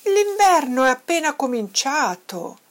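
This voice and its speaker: A woman's voice: high voice, sing-song, measured pace, pitched above the performer's own voice. Woman doing a sleepy mother bear. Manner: drowsy, grumbling.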